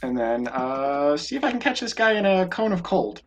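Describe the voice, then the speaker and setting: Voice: medium pitch, sing-song, moderate pace, dull audio, over music. A player in a tabletop game, chatting casually and thinking aloud, correcting themselves.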